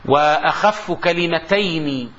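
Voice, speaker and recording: A man giving a classroom lecture on grammar. He asks the class rhetorical questions and slowly recites his examples. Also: a little high, fairly bright tone. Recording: dull lo-fi lecture recording.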